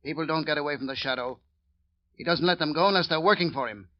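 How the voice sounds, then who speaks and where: A man with a fairly high pitch and fast delivery plays a cold, bullying gangster henchman in 1940s radio drama, his voice close to everyday speech. He threatens in a clipped tough-guy style, and the mood is menacing. The old radio recording sounds dull.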